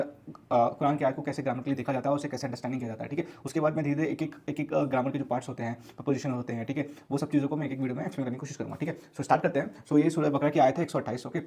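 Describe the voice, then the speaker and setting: A man teaching an online lesson in a slightly high voice. He explains patiently and circles back over each point, and he slips English words into his talk. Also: warm tone, breathy edge. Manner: explains slowly with many repeats and fillers; recites scripture slowly and melodically.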